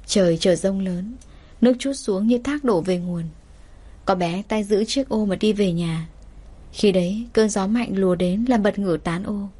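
A woman narrating a scripted story in a steady, measured, dramatic way. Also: medium pitch, slightly rough.

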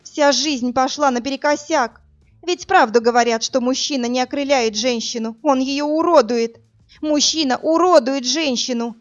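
A woman's voice: sits high, normal speed, pitched above the performer's own voice, lightly acted. A woman voicing a desperate young woman on the phone, tearful and pleading, then screaming in anger, in a slightly muffled recording. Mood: furious.

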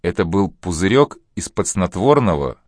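A man reading an audiobook novel aloud in an even, measured way. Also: sits low, dry recording, studio quality. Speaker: audiobook narrator. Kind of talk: scripted audiobook narration.

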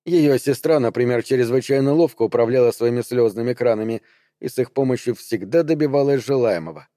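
A male narrator with a dark, mellow voice reads a novel in a measured, even way. The sound is dry and close, with no room around it, and the pitch sits in a middle range. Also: no echo. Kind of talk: scripted audiobook narration.

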